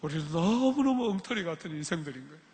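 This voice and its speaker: A man from Busan, preaching a sermon at a student retreat and telling stories with animated acted-out dialogue. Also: fairly high pitch, fast talker. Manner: animated storytelling, acts out dialogue. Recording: reverberant hall.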